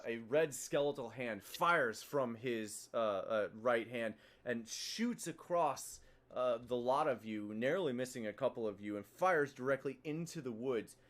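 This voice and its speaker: A man narrating as dungeon master, talking in a halting way with many fillers and restarts. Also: medium pitch. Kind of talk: narrating a tabletop game.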